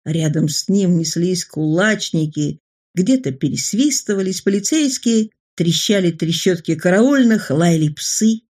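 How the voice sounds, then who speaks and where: A woman reads a story aloud at an unhurried pace, each phrase given room to land. Her voice is husky and a little breathy. The reading is expressive and measured. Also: fairly low pitch. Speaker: narrator. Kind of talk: audiobook narration.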